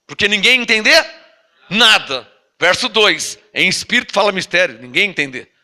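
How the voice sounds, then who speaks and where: A high-pitched, expressive voice, pushed and bright, belongs to an apostle with a Brazilian Portuguese accent giving a Bible-teaching sermon. He reads scripture in a slow, drawn-out way, then explains it emphatically and prods the congregation with rhetorical questions.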